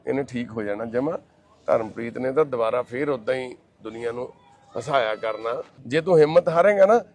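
A man, hosting and comforting a troubled man, then speaking earnestly to the camera. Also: medium pitch. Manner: warm, consoling and reassuring; earnest and pleading. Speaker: host helping a troubled man. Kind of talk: casual talk, then address to camera.

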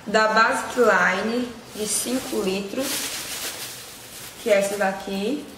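A woman with a mid-range voice speaks slowly, casually showing products to the camera as a vlogger and seller. She's in a small indoor room with shelves, and the recording is echoey with loud background noise.

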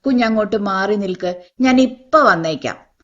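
A woman voicing a kind, protective rickshaw puller who speaks gently and soothingly. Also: medium pitch, expressive, normal speed, highs cut off.

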